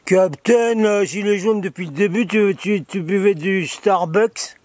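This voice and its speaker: A man's voice: high voice, unhurried, darkish tone, no echo. A man hosting his own video in a casual, sarcastic, rambling monologue, chatting with his camera operator. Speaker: video host.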